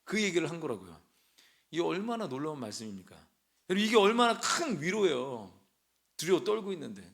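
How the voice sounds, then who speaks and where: A young adult pastor preaches a sermon in a conversational way, dropping into casual speech and acting out short quoted lines. His voice is on the high side, sing-song, fairly bright, and a little fast.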